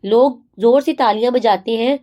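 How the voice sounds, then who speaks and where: Woman storyteller, scripted narration, measured and steady, somewhat high voice.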